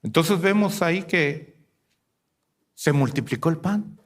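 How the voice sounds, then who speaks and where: A man preaching a sermon to a congregation, asking rhetorical questions and swinging between loud and hushed delivery. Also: fairly high pitch, animated, takes it slowly. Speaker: pastor.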